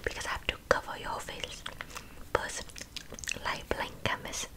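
A woman's voice: normal speed, lightly acted. Woman's whispered role-play of a bossy, accented makeup artist. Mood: bossy, dismissive. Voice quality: breathy unvoiced whisper with wet mouth sounds. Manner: scolding, blunt, clipped phrasing. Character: bossy, blunt, insulting female makeup artist.

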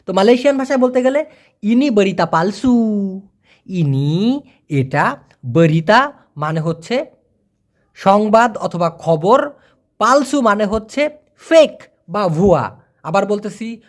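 A Malay teacher gives a video lesson. The teacher says foreign phrases very slowly, repeats them, and keeps coaxing viewers with please and brother. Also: medium pitch.

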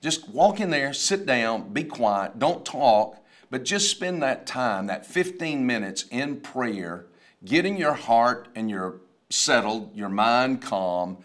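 A man's voice: mid-range voice, lively intonation, takes it slowly, fairly bright tone. A man in his sixties, a pastor, chatting about a sermon in a rambling storytelling way, often restarting. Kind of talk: casual chat about a sermon. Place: wood-paneled studio, seated at a table.

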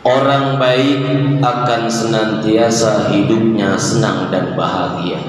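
A man in his thirties giving a Friday sermon, building repeated parallel phrases that rise for emphasis and chanting verses melodically. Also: fairly low pitch. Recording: echoey hall with faint hiss.

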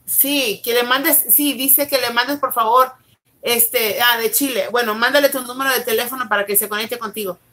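A woman pastor teaching the Bible on a live stream from her bedroom at home, urging viewers along briskly and greeting them by name. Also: on the high side, steady tone, pushed and bright.

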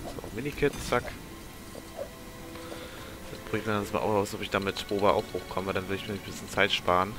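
A man with a lowish voice gives casual, off-the-cuff commentary while gaming. He mutters to himself with a mild grumble, and game music plays clearly behind him. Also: fairly even intonation, brisk, pauses often, rough recording. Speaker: let's player.

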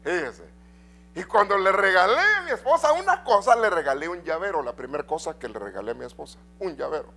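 A middle-aged man preaching a sermon in a church, swinging between loud and soft and asking the congregation questions. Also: high voice, very animated, fast talker. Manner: addresses congregation with rhetorical questions. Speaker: pastor.

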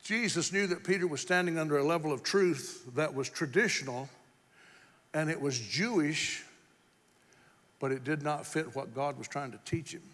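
A male pastor preaching an impassioned sermon, swinging between shouts and quick, quieter explanation. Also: fairly high pitch, in a large hall.

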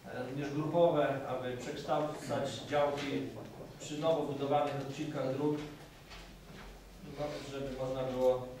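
A middle-aged man, a municipal official, gives a formal speech to a council, halting often with filler sounds. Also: medium pitch, little pitch movement. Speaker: municipal official presenting the budget. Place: council meeting hall. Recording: echoey hall recorded from a distance, background noise.

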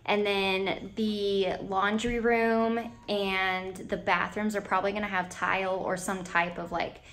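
A young American woman in her twenties leads a relaxed vlog tour of a house, chatting and thinking aloud in empty rooms with a phone or camera held at arm's length. Her mid-range voice is fairly bright, with little pitch movement and a measured pace.

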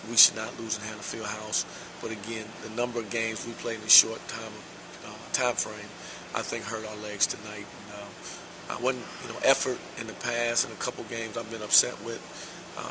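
A middle-aged man, a basketball head coach, giving a measured post-game interview in a large empty indoor arena, with frequent "uh" fillers. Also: lowish voice, background noise.

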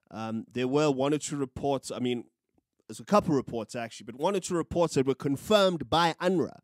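Speaking at a medium pitch, a young South African podcast co-host gets heated over the news, cursing and making big hand gestures. He uses a boom-mounted studio mic and headphones in a small studio room, and the recording is dry.

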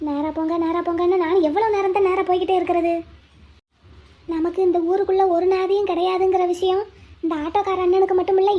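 A very high, piping voice belongs to a young village woman in a cartoon. She is wary and quick-witted, muttering her plans to herself and then sweetly coaxing the people around her. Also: darkish tone. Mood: scheming. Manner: talks to herself, pleading and coaxing. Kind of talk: cartoon voice acting, inner monologue and dialogue.

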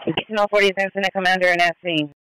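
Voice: mid-range voice, fairly even intonation, rapid-fire, bright, forceful tone, slight background noise, low-quality recording. A police radio dispatcher giving terse, procedural updates over scanner audio. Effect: police radio transmission.

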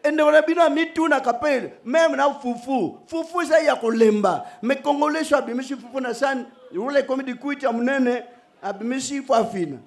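Standing at a mic stand on an outdoor church stage, a middle-aged preacher delivers a lively, joke-filled sermon. His voice is very high and his pace moderate, and he lurches between shouting and quiet asides.

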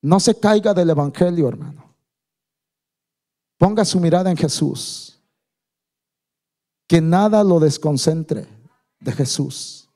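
Male pastor, high voice, language sermon, swells to loud fervent peaks. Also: slow, long pauses. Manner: preaching with rising shouted climaxes, addressing listeners as brother.

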